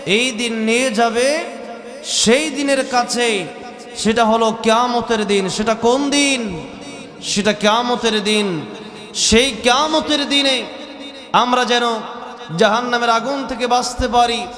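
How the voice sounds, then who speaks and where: A man preaching to an outdoor crowd, his voice high and carried by a long, roomy echo. He chants his phrases and calls on the crowd to answer aloud. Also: measured pace, pauses often, fairly bright tone. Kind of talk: sermon with sung storytelling. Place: outdoor gathering in fog.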